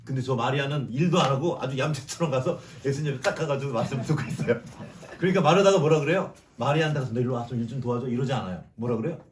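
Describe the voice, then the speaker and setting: A man preaching in a church in a chatty, lively style, questioning his listeners and acting out biblical figures. His voice sits at an ordinary male pitch. It was recorded from some distance from the mic, with faint room noise behind it. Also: fast talker. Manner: lively, acts out biblical characters' lines in a mocking tone. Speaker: preacher sharing a Bible reflection. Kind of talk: conversational sermon with questions to the congregation. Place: church sanctuary.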